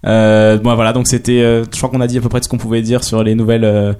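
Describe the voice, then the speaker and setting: A man hosting a casual podcast about TV series, quick to chime in. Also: medium pitch, level tone, warm tone, clean tone. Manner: quick, chiming in. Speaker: podcast host.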